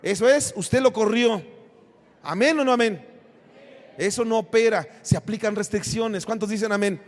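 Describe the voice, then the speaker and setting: Mexican male pastor, very high voice, fiery preaching style, echoey church hall. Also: moderate pace. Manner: impassioned preaching, swings from shouts to low asides. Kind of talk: sermon. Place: church sanctuary.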